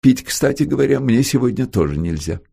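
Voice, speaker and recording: A man's voice: medium pitch, expressive, brisk, vocal fry, dark tone, breathy edge, pitched above the performer's own voice. A man voicing a frail, terminally ill young man who jokes lightly about his illness. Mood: eager. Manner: joking, lightly mocking.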